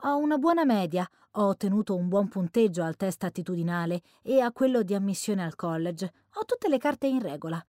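A woman's voice: mid-range voice, lively intonation, brisk, hardly any pauses, a little mellow, no echo, clean studio sound, natural voice. A woman voicing a self-assured, friendly young male college student in an audiobook reading, talking chattily. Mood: friendly confident.

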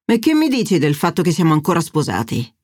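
A woman voicing a stern, stubborn older father who speaks bluntly and gruffly. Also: lowish voice, wildly swooping pitch, fast talker, a little mellow, dry recording, clean studio sound.

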